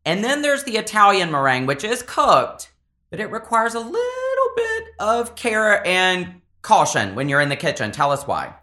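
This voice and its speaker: A man's voice: high-pitched, big pitch swings, normal speed, sharp tone. A man with a Southern US accent hosting a baking podcast in an enthusiastic, chatty way. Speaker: podcast host. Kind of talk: casual podcast chat.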